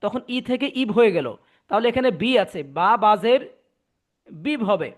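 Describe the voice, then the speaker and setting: A man with a fairly high voice teaches an online recitation class. He is patient and reassuring, and he drills each syllable slowly so that students can echo it back over the call. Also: animated.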